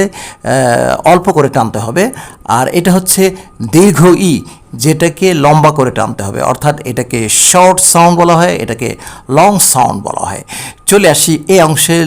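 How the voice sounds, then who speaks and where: Slow, gravelly Bangladeshi male teacher. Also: a little high. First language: Bengali. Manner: slow, deliberate, with frequent hesitation sounds; reads English instructions slowly, then translates them. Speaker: English teacher. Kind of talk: textbook lesson explanation.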